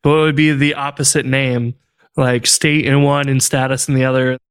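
Smooth-voiced man, animated podcast co-host. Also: medium pitch, normal speed. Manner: animated, exasperated storytelling. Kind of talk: casual tech chat.

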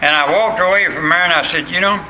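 A man's voice: on the high side, quick pace, bright, forceful tone. An older man with a rural Southern US accent and an old country voice, preaching a sermon in a plain-spoken, folksy way and repeating phrases for emphasis. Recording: echoey room, faint background noise.

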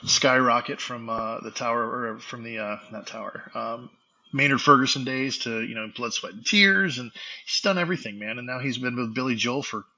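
A man's voice: medium pitch, normal speed. A man guest, a saxophonist from Florida, casually telling a rambling story and acting out old phone calls. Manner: rambling, animated, acts out quoted phone calls. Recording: dull lo-fi audio.

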